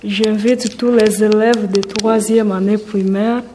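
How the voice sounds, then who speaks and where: A radio teacher giving a primary-school grammar lesson, repeating each point slowly. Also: medium pitch, flat delivery, warm tone, slight background noise, low-quality recording.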